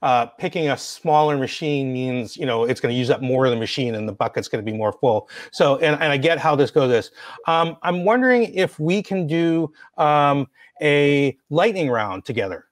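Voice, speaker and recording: A man's voice: medium pitch, expressive, normal speed, no echo, studio quality. A man hosting a video-call interview, asking curious, informal questions with "um" and "like" fillers. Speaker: host.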